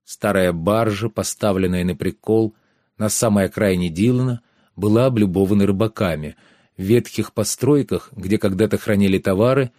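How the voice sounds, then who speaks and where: A man narrating a fantasy audiobook in a measured, savoring way, slowing down on descriptive images. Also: fairly low pitch, a little mellow, no room sound, studio quality.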